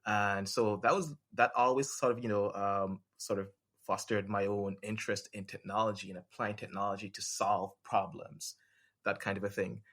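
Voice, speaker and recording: A man from Jamaica, a lawyer and podcast guest, talking in a relaxed way with plenty of fillers. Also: lowish voice, moderate pace. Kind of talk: casual interview talk.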